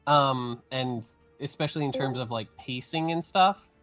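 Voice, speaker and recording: A man's voice: mid-range voice, normal speed, fairly bright tone, soft background music. A man running an online tabletop game, chatting casually with his players and filling his talk with "like" and "um". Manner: rambling, fills speech with "like" and "um". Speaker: game master. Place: online voice chat.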